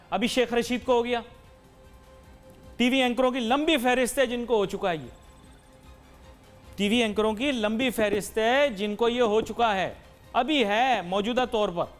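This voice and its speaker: A man hosting a TV talk show, delivering an emphatic, lecturing monologue to viewers and mixing in English phrases. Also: very high voice. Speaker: TV anchor and talk show host.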